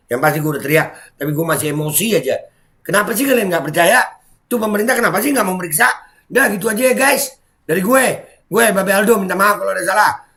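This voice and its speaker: A man, doing angry reaction commentary with shouted outbursts, sighs and swearing. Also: a little high. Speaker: vlogger reacting to news.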